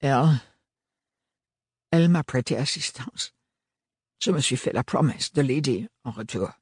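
A man voicing a timid, soft-spoken young man, a son who talks hesitantly and in a murmur. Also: medium pitch, a little slow, breathy edge, dry recording, studio quality. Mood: earnest.

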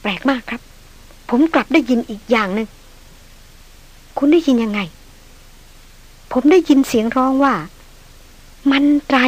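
A woman reading the lines of a young man who talks calmly and politely, reasoning things through. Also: high voice, muffled recording. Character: young man, a composed hunter, polite to his lady. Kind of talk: audiobook character reading.

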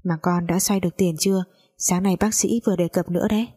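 Woman reading a bullying older mother, foul-mouthed, mellow husky low voice. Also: fairly even intonation, quick pace. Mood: scolding. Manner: coarse, cursing, scolding.

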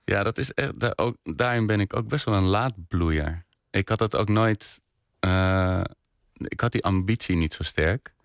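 A man's voice: low-pitched, measured pace, no echo, studio quality. A man being interviewed on a radio podcast, talking in a hesitant, self-deprecating way with lots of restarts. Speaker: podcast maker, interview guest. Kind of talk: relaxed radio interview chat.

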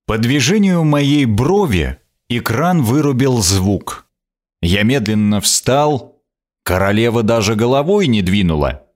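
A man narrating an audiobook in the first person, in an expressive, sardonic manner. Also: medium pitch, measured pace.

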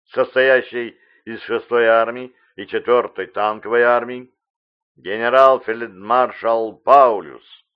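A man reading a formal wartime radio bulletin in a slow, measured, solemn announcer's declamation. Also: mid-range voice, clear, resonant tone, highs cut off.

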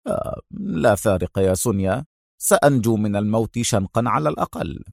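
A man voicing a cool, sardonic male secret agent, speaking low, calm and dryly mocking. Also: brisk, no room sound, studio quality.

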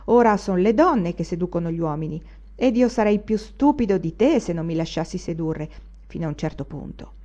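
A woman's voice: fairly low pitch, animated, brisk, warm tone. Woman reading as a mocking cynical young student. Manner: sneering, jeering.

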